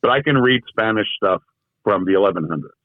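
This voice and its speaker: Over tinny remote-call audio, a male translator guest with a lowish voice talks briskly and animatedly in a casual interview. He rambles thoughtfully, restarting sentences and using plenty of fillers, and the recording is dry.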